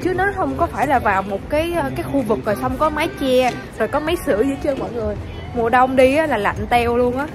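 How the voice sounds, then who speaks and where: A crowd can be heard behind a young woman who talks fast in a high-pitched, lively voice with a Southern Vietnamese accent. Holding the camera at arm's length, she enthusiastically chats to viewers in a casual travel vlog at an outdoor mall, with music playing underneath.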